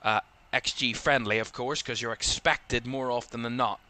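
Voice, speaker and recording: A young man with a Northern Irish accent calls a football match live, in bright, forward tones. His play-by-play comes fast and jumps up in pitch when an attack builds, then settles back into steady, mid-pitched analysis between plays. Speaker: football commentator. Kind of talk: live watchalong match commentary.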